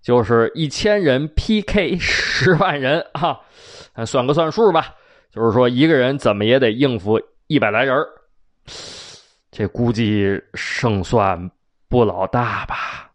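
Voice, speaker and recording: A man's voice: medium pitch, unhurried. A man with a Beijing accent telling old folk legends, chatty and addressing his listeners directly with colloquial asides. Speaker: storyteller. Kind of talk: folk-tale storytelling to listeners.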